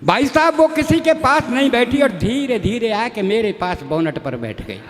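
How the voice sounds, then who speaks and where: A high-voiced man tells folksy comic stories on a live stage, slipping into the voices of the people in them. His voice rings out with a long hall reverb. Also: big pitch swings, normal speed, background noise. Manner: folksy, plays many characters in dialogue. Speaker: stage comedy poet. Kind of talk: comic storytelling at a live poetry show.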